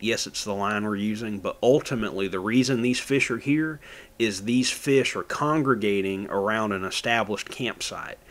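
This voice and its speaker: Male outdoor host, slightly low voice, casual folksy how-to voice-over. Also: a bit bright. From Florida, USA. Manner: plain, folksy how-to explaining with fillers. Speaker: fishing channel host. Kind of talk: voice-over narration of outdoor fishing footage.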